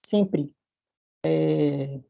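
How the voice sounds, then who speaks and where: A man's voice: on the high side, drawn-out words, gravelly, mellow, highs cut off. A man with a Brazilian Portuguese accent giving a recorded university lecture over slides, explaining patiently and often checking in with his students.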